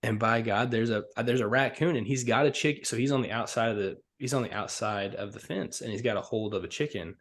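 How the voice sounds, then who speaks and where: A man's voice: medium pitch, fairly quick, hardly any pauses, slight background noise. A man in his thirties, a podcast co-host, telling a story in casual chat and acting out the quotes. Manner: animated storyteller, acts out shouted quotes.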